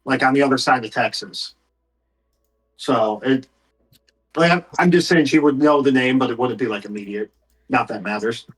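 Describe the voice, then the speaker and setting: Improvising as the game master, a man with a mid-range voice stumbles conversationally through the tabletop narration, speaking for characters without any flourish. The audio is poor.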